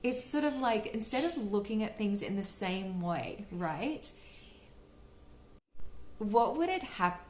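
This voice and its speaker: A woman's voice: medium pitch, animated, slow pace, a little mellow, a little hiss or hum. A woman giving a casual tarot reading to camera, chatty and giggly, with many "like" fillers. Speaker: tarot reader. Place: home room with birds nearby. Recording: roomy echo with faint background ambience.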